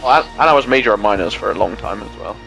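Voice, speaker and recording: A man's voice: lowish voice, quick pace, vocal fry, faint music behind. Young man ranting casually, swearing. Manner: rambling, animated rants with lots of swearing and "like". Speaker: gaming channel host. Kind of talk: casual chat over gameplay.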